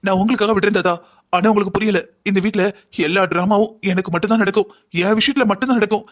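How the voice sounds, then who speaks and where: A woman's voice: mid-range voice, fairly even intonation, fast talker, close to an everyday voice. A voice actor playing a pregnant young woman in a cartoon, indignant and complaining. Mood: aggrieved. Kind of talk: cartoon voice acting.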